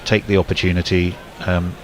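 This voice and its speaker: A man's voice: low voice, little pitch movement, fairly quick, a little hiss or hum. A man doing casual ball-by-ball cricket commentary, rambling with fillers and restarts.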